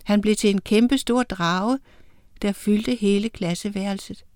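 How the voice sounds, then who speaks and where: Woman reading a kids' story aloud, medium pitch, dry close sound. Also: darkish tone, no echo. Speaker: narrator.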